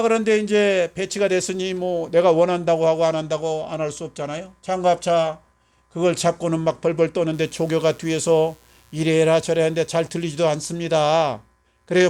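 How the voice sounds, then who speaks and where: A man's voice: fairly high pitch, darkish tone, clean tone. A man in his seventies, a pastor preaching a sermon, asking rhetorical questions with emphasis and telling a homespun story. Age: 70s. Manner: folksy storytelling.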